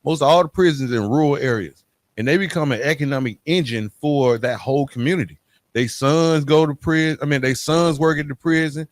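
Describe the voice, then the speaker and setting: A middle-aged man hosting a conversational podcast speaks emphatically, punctuating his points with tag questions to check the listener follows. His voice is on the high side and brisk, and the dry sound has very little room to it.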